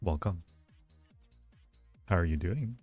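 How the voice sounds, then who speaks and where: Speaking low and slowly in a darkish tone, this male livestream host banters with his viewers in a flirty, playful way and keeps repeating phrases. Faint music plays behind him, and the sound carries a roomy echo.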